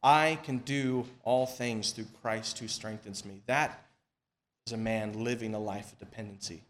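Man, preacher at a pulpit microphone, church sanctuary, measured emphatic scripture reading, soft phrase endings. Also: lowish voice, steady tone. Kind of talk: sermon with prayer.

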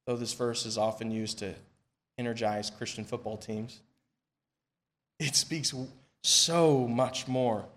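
A man whose medium-pitched voice carries fairly even intonation delivers a sermon and leads prayer at a pulpit microphone in a church sanctuary. He reads scripture with measured emphasis, his phrases falling soft at their ends.

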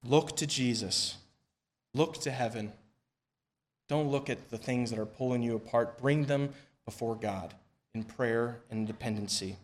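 Man preaching at a pulpit microphone. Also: mid-range voice. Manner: measured, emphatic reading of scripture that drops soft at phrase ends. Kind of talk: sermon with prayer. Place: church sanctuary.

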